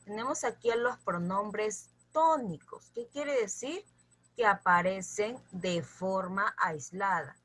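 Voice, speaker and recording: A woman's voice: mid-range voice, lively intonation, takes it slowly, a bit bright. A woman teaching a grammar lesson, patiently addressing her students and checking in with them often as she repeats lists for them to memorize.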